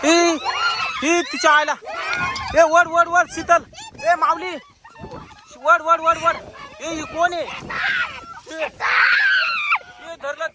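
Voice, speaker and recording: A man, playing an excitable village husband in an amateur comedy skit, shouting and repeating words quickly. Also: extremely high pitch, slight background noise, full character voice. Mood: panicked. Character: jumpy rural farmer husband, loud and excitable. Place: outdoors in farm fields.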